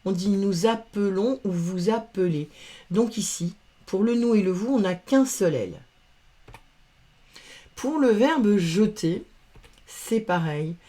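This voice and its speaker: A woman teaches verb conjugation, spelling out each letter and sound patiently. She speaks at a very slow, deliberate pace. Her voice is warm and mellow, in a middle register. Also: medium pitch, expressive. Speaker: French grammar teacher. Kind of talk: slow, careful grammar lesson.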